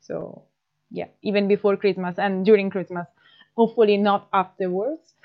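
A woman's voice: mid-range voice, fairly even intonation, normal speed, narrow, tinny audio. A young woman from northern Italy, chatting hesitantly and searching for words. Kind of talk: casual chat.

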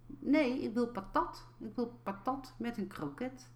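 A woman putting on a stubborn little girl of three, high and shrill, insistent, slow and drawn out. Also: close to an everyday voice.

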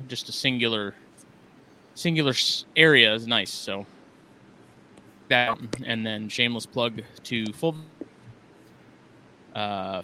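A man's voice: mid-range voice, pushed and bright. A man co-hosting a casual live-stream chat over buzzy, glitchy internet call audio that keeps cutting out, talking in a loose, rambling way. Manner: rambling, loose delivery with fillers. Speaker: co-host.

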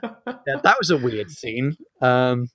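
A man chatting casually about films with a co-host. His voice swings widely in pitch as he jokes. The recording is dry and close, with no room sound. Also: takes it slowly, no room sound. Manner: animated, joking, jumps into high exaggerated quotes. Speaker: podcast co-host.

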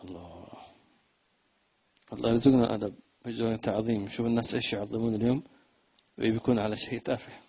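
Male religious teacher, low and husky, gravelly; moves between slow chanting and quick colloquial explanation. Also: fairly even intonation, darkish tone, rough recording. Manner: chants verse slowly, then talks fast and plain to listeners. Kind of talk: religious lesson commentary.

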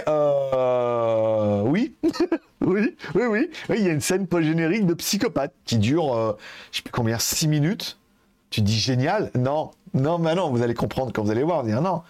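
A man's voice: medium pitch, darkish tone. A man hosting a tech news show, rambling in a casual way with many hesitations, laughs and swear words. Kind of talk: casual spoken commentary. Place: at home in Asia.

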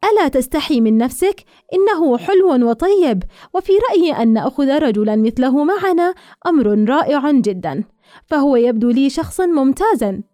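A woman voicing an excitable, gossiping young woman who gushes in high exclamations. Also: a little fast, dry recording, clean studio sound. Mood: gushing.

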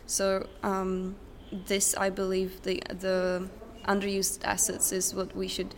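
A young woman, a Czech recent graduate, is interviewed in English at a conference center and answers in a hesitant, thoughtful, casual way. Her mid-range delivery is completely flat and slow. Venue noise and a distant sound check can be heard behind her.

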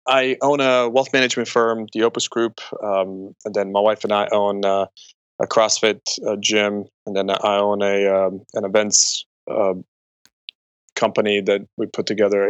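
On the low side and level in tone, this Croatian man in his forties speaks at a moderate pace with a fairly bright, clean sound. As an entrepreneur and speaker guesting on a podcast, he shares personal stories conversationally, recorded dry with the highs cut off.

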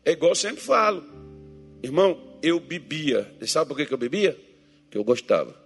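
A pastor in full flow, teasing his flock and slipping into voices for the people in his stories. His voice sits high for a man, with a gravelly, husky edge. Soft music plays faintly behind him. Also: very animated, moderate pace. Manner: teasing, acts out Bible figures and churchgoers in voices. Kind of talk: joking sermon to a congregation.

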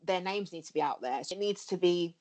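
A woman's voice: lowish voice, brisk, a little mellow. A young woman with a Cockney accent, co-hosting a casual podcast discussion, earnest and full of fillers and restarts. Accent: London Cockney. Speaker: podcast co-host.

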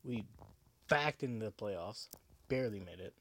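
A low-voiced man talks as if into his own podcast, clearly drunk. He rambles casually, circles back over the same phrases and swears freely. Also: expressive, normal speed, a bit bright, a little hiss or hum. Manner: rambling, profane, repetitive. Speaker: podcast host. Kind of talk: casual sports podcast monologue.

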